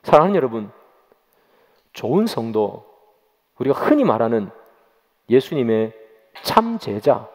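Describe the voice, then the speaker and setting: A man's voice: medium pitch, big pitch swings, unhurried, pauses often. Pastor guy preaching, dramatic, voice jumps all over, asks the congregation stuff. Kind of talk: sermon. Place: church sanctuary. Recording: long church reverb.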